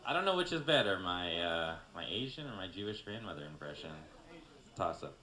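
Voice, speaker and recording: Low male voice, stand-up comic, self-mocking, conversational, echoey club room. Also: big pitch swings, brisk, pushed and bright. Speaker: stand-up comedian. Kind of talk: stand-up comedy set. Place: comedy club in New York City.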